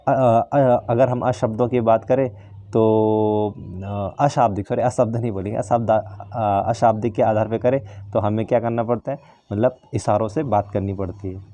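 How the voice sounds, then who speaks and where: A man's voice: mid-range voice, mellow, no room sound. A male teacher walking students through a practical file in a casual, informal way, often checking in with "theek hai". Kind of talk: casual lesson walkthrough.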